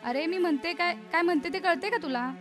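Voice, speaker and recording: A woman's voice: very high-pitched, fast, over music. A fretful mother. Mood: worried nagging. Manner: fretful, nagging. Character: worried poor village mother, fretful and nagging. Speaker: mother of a schoolboy.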